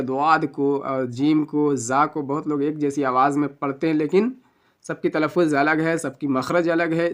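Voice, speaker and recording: A man teaching Quran reading, spelling out each letter patiently and stretching the vowels as he recites. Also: fairly high pitch.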